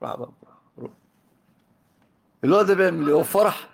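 A man's voice: sits high, expressive, rapid-fire, gravelly. A man with an Egyptian accent giving an informal religious lesson, teasing and joking with his students as he moves between classical and colloquial speech. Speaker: religious teacher.

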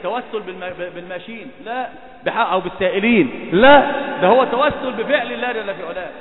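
A man preaching a sermon, fast and emphatic, firing rhetorical questions. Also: sits high, a crowd in the background. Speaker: Islamic preacher. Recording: echoey hall, phone-like lo-fi sound.

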